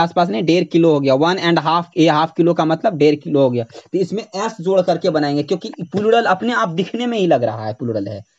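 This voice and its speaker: A man's voice: sits high, dull audio. A man teaching English grammar in a lecture, explaining step by step, repeating points and spelling words out letter by letter. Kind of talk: lecture to students.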